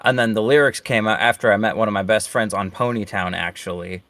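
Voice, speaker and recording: A man on an online panel, telling a story in a calm, reflective way. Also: fairly low pitch, fairly quick. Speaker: panelist, songwriter. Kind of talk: casual online panel chat.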